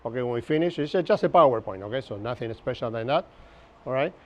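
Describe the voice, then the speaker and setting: In an outdoor pavilion with open sides, a Buenos Aires instructor in his fifties, Spanish-native with an Argentine accent, gives a workshop lecture full of jokes and chatter. He talks fast in an expressive mid-range voice, and the audio is muffled. He regularly checks that his listeners are following.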